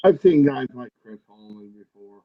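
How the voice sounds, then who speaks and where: A man's voice: medium pitch, lively intonation, moderate pace. Muffled, boxy-sounding brash man. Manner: brash, swearing, tough talk. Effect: muffled boxy sound without a proper mic. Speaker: call-in guest on a live stream. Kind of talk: casual profane chat. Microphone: device's built-in mic. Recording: dull muffled lo-fi call audio.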